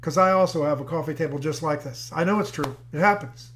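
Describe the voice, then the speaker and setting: A man's voice: on the high side, fast talker, fairly bright tone, slight background noise, lightly acted. A man doing an emphatic male cop. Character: sympathetic male police officer.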